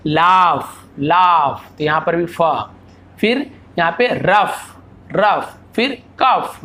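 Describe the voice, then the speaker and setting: A male teacher explaining English phonics, asking himself questions and then answering them, and repeating example words slowly. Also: high voice, a bit bright.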